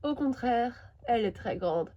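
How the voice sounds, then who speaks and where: A woman voicing a relaxed, teasing teenage boy who is curious about monsters, in an amateur fan voice drama. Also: on the high side, a little slow, lo-fi sound. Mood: casual.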